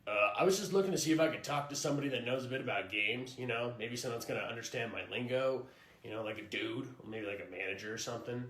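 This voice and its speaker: A man's voice: medium pitch, quick pace, fairly bright tone, echoey room, voice pushed down, lightly acted. A man playing a condescending male gamer customer, muttering and patronizing. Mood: smug.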